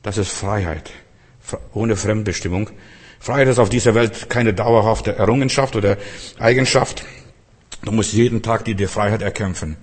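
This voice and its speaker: Man, preacher, sermon, breathy voice, long reverb, swings from loud to soft, asks the listeners questions. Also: normal speed. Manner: emphatic, swings between loud outbursts and soft low passages; addresses listeners directly, often with rhetorical questions.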